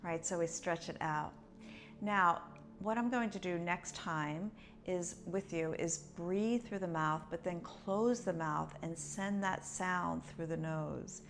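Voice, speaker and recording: A woman teaching yoga breathing, guiding step by step in a conversational, explanatory way. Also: fairly low pitch. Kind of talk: instructional breathing lesson, guiding along.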